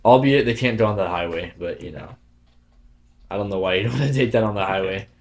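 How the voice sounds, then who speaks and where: A man's voice: fairly low pitch, quick pace. A young man hosting a podcast, chatting casually and rambling through a story with lots of fillers. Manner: rambling storyteller, filler-heavy, laughs mid-sentence. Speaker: podcast host. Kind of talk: casual chat. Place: indoor room, podcast recording.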